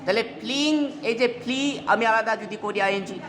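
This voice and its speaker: A woman's voice: medium pitch, fairly quick, a crowd in the background. A woman, teaching English literature and often checking that students follow. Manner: checks in with rhetorical questions. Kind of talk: explaining a poem in a lesson. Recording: long hall reverb, clear background noise.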